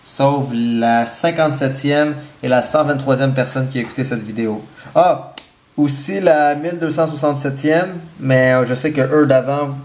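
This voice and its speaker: A man's voice: mid-range voice, normal speed, darkish tone. A man from Quebec with a Québécois accent, rambling and joking playfully in a casual vlog. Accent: Québécois French. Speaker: vlogger.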